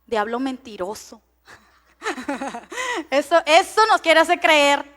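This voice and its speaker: A woman's voice: high-pitched, big pitch swings, slow pace, fairly bright tone. A middle-aged woman pastor, telling a personal story in a chatty sermon, laughing often and tripping over her words.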